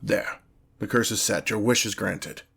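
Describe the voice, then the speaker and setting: A man's voice: fairly low pitch, fairly even intonation, vocal fry, fairly bright tone, slight background noise. A man voicing a haughty, exasperated demon lord in a fantasy audio roleplay, speaking formally and pompously. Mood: reluctant, irritated. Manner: pompous, formal, slow deliberate phrasing with irritated sighs. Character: haughty, exasperated male demon lord, grandiose but petty. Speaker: character performer in roleplay audio. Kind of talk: scripted ASMR fantasy roleplay, one-sided dialogue.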